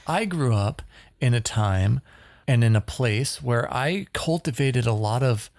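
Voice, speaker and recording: A man co-hosts a podcast in casual chat, blunt and emphatic, firing off quick bursts and the occasional swear. His voice sits at an ordinary middle pitch. The recording is dry and close, with no room sound. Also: lively intonation, gravelly, a little mellow, no room sound. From Northern California. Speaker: podcast co-host.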